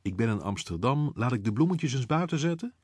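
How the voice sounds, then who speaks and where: A man's voice: mid-range voice, lively intonation, brisk, a little mellow, slightly rough, no room sound, studio quality, voice pushed up. A man voicing a flamboyant, mocking drag queen in an audiobook, with a sing-song, teasing delivery. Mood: camp teasing. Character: camp, mocking drag queen on a bar stage. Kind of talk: audiobook character voice.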